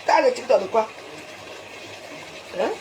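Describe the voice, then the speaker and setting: Speaking slowly in a slightly high, expressive voice, a woman with a Cameroonian French accent lectures her live-stream viewers. Her scolding rant leans on rhetorical questions and a tagged "hein?", and the audio has roomy echo and faint noise.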